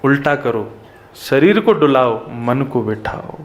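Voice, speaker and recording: A man's voice: medium pitch, lively intonation, takes it slowly. A man preaching a devotional sermon, emphatic, with wide swings between raised and dropped phrases. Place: religious gathering at a pilgrimage site.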